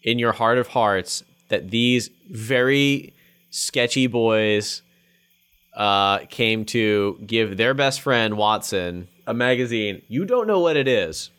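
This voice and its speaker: A man's voice: mid-range voice, lively intonation, slow, a bit bright, smooth. A man narrating a tabletop game as game master, in a loose, conversational way.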